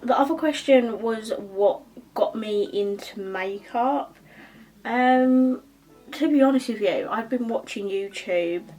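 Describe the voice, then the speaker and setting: While doing her makeup, a beauty vlogger in her twenties from Essex, England chats casually in an Essex accent, get-ready-with-me style, full of ums and likes and quick laughs. Her medium-pitched voice has a darkish tone, and the recording is rough.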